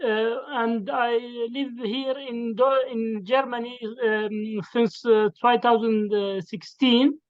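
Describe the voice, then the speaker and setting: A slow, halting Syrian man with Kurdish as his first language speaks at an extremely high pitch with fairly even intonation. He chats casually on a video call, using plenty of fillers and laughing as he talks, and the call audio is lo-fi.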